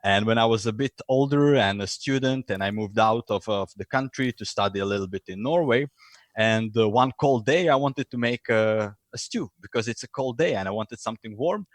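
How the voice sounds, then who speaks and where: A Croatian man, a lean and innovation consultant, is a guest on a podcast in a conversational interview. He speaks fairly quickly at a mid pitch, hesitant with lots of uhs and restarts, and acts out voices in his stories. The recording is dry.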